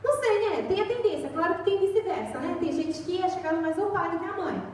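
A woman's voice: very high voice, fast, a little mellow, slight background noise. A young Brazilian woman preaching a sermon in a church, chatty and storytelling, recorded from far off in an echoey hall. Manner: chatty storytelling, acts out voices.

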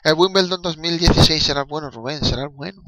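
On a live stream, a young man from the Canary Islands commentates his own football video game in a slightly high, brisk voice. He rambles excitably, swearing and tossing in laughing asides, and there's no echo.

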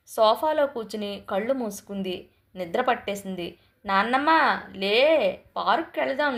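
Woman storyteller, fairly high voice, steady measured reading, scripted narration.

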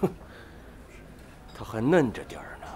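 A man's voice: mid-range voice, big pitch swings, normal speed, close to an everyday voice. Actor as scornful businessman boss, noisy background. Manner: condescending, scornful. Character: scornful rich businessman, rival bidder, scheming boss.

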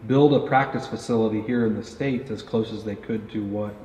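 A man in his thirties speaks briskly with a fairly low, slightly mellow voice and a steady tone. Working as company pro staff, he conducts a casual product interview with a guest at an indoor range, explaining archery gear amid plenty of fillers. There's roomy echo, a dull quality and faint noise in the recording.

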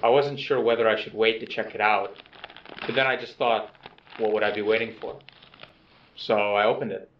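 In this low-key found-footage monologue, an actor voices an earnest, awkward man hesitantly recording a video letter, halting and softly putting himself down. His slightly low voice is steady and close to everyday speech, subdued in mood, heard as dull, echoey, distant playback with music and a bit of background noise.

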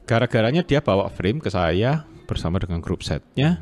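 A man's voice: lowish voice, moderate pace. A man, a bike mechanic telling a workshop story in casual chat, acting out the customer's lines. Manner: animated storytelling, acting out dialogue.

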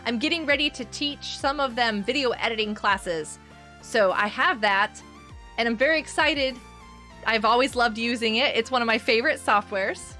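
Chatty mom streamer on a headset mic, crisp bright voice, laughs a lot. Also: female voice, a little high, moderate pace, faint music behind. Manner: chatty, greets viewers by name, laughs often. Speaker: livestream host and homeschooling parent. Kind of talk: casual livestream chat while playing a game.

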